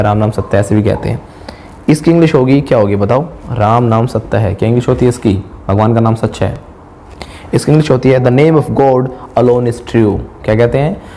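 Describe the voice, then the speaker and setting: A middle-aged man teaching spoken English, asking quiz questions and repeating each English sentence slowly. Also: medium pitch, warm tone, slight background noise. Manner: asks the viewer rhetorical quiz questions.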